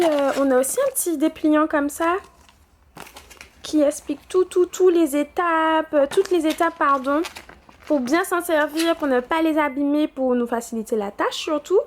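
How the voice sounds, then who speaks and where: A woman's voice: high voice, a little hiss or hum. A young woman vlogging casually from home, chatty, with many fillers and restarts. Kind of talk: casual vlog chat. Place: at home indoors.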